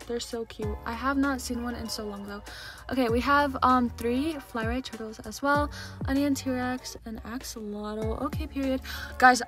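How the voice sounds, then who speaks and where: A seventeen-year-old young woman with a slight lisp, chatting excitedly and rambling as she commentates a game. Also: fairly high pitch. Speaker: gaming video host. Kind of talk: casual chatty gameplay commentary. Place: under bed covers in a bedroom. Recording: background music under voice. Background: music.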